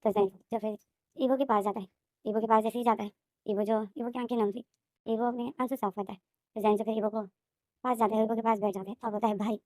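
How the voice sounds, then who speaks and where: A woman narrating a fan fiction story recap in a brisk, repetitive storytelling manner. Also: fairly high pitch, fairly even intonation, darkish tone, no echo, clean studio sound.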